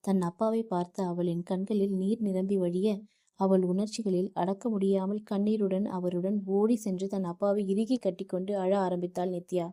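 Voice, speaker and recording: A woman narrating a romantic audiobook story in a steady, even reading voice. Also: mid-range voice, moderate pace.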